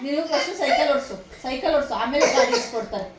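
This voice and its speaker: A woman with a Kannada accent from Kalaburagi, gently coaxing and consoling a crying child in a casual family vlog. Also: high voice, fast. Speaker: vlogger. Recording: echoey room, faint noise.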